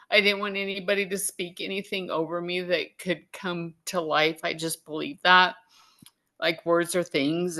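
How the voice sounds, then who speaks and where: A woman giving an emotional testimonial on a video call, halting and full of fillers, near tears. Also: on the low side, pushed and bright.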